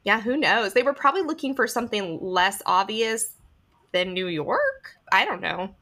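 A woman's voice: medium pitch, very animated, normal speed, sharp tone. A woman guest on a podcast, chatting casually and laughing often. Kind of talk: casual chat.

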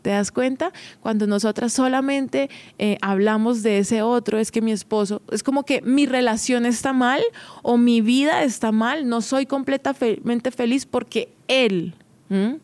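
A woman's voice: on the high side, unhurried, darkish tone, no echo. A woman hosting an advice podcast, talking conversationally and directly to the listener with frequent tag questions. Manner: encouraging, addresses listener directly. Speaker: podcast host.

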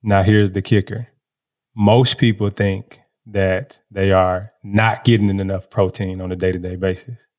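A lower-voiced man hosts a podcast with loud, brash energy and a joking, swaggering delivery. His talk is casual and quick, as if he is hyping up his listeners. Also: flat delivery. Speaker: podcast co-host.

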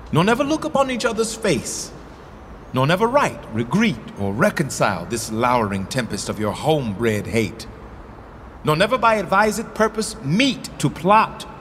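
A man's voice: mid-range voice, a bit bright. Imperious young King Richard II, echoing hall. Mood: commanding, solemn. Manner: declamatory, regal. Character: young imperious, mercurial medieval king passing sentence. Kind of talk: Shakespearean verse acting. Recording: long hall reverb, background noise.

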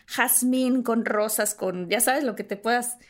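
A woman with a Mexican accent telling an animated anecdote in a casual chat, laughing often and jumping high to act out the voices of the people she quotes. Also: a little slow. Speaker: guest.

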